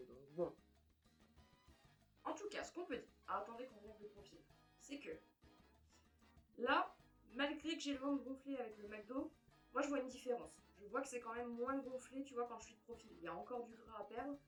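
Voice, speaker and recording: A young woman vlogging casually to camera in a room, frank and expressive, swearing now and then. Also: medium pitch. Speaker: fitness and weight-loss vlogger. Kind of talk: casual vlog talk to camera.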